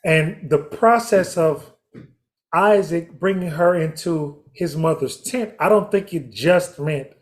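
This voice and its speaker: A man's voice: a little high, slow. A man leading a casual Bible study discussion, reflective and interjecting with hallelujah.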